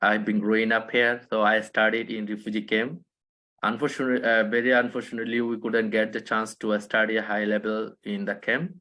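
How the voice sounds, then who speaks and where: A Rohingya man from a Bangladesh refugee camp, speaking as a panelist in a halting way with many restarts. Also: fairly low pitch, level tone, pushed and bright. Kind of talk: online panel talk.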